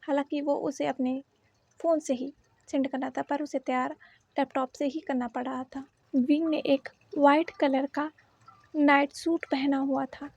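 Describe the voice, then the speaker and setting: A woman reading a fan fiction story aloud in a steady storytelling voice. Her pitch sits very high, with a mellow tone. The recording is dry and close. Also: unhurried, no echo. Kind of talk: scripted story narration.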